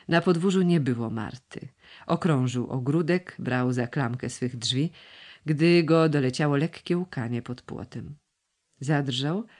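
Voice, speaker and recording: A man reads a classic story aloud in a calm, measured audiobook style. His voice sits at a middle pitch and carries the scene steadily. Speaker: narrator. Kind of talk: audiobook narration.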